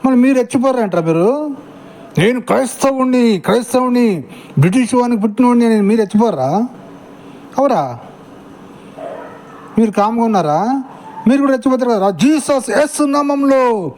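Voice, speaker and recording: A man delivers a furious reaction commentary, heaping scorn and insults on the speaker he is answering. His voice sits high, yet its tone is dark and mellow. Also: low-quality recording.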